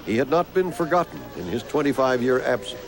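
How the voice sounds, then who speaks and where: A man's voice: mid-range voice, expressive, brisk. A man reading scripted documentary narration as the film's narrator. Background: music.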